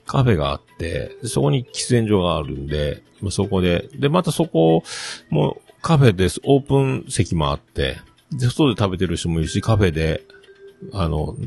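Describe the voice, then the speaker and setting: Deep gravelly man, husky, lively swings in pitch, casual podcast storytelling, faint music behind. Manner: rambling, self-amused anecdote with many fillers. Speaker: podcast host.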